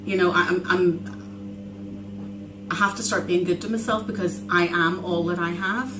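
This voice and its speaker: A woman's voice: fairly low pitch, moderate pace, recorded from a distance, background noise. A woman in her forties talking earnestly in a personal diary vlog, reflective and full of ums and restarts. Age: 40s. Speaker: vlogger keeping a weight-loss diary. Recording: roomy echo with steady background ambience.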